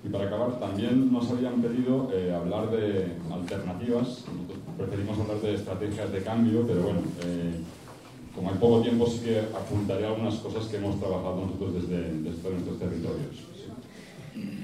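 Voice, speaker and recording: A man from Catalonia speaking as a panelist at a conference, measured and deliberate. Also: fairly low pitch, fairly even intonation, mellow. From Catalonia, Spain. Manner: measured, with frequent "eh" fillers. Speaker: panelist, researcher. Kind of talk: conference talk. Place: conference hall. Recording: echoey hall, distant mic, background noise.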